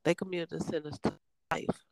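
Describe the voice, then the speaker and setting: A middle-aged woman telling her life story in conversation, emphatic and lively, acting out the voices of others. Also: sits low, normal speed, dry recording, rough recording.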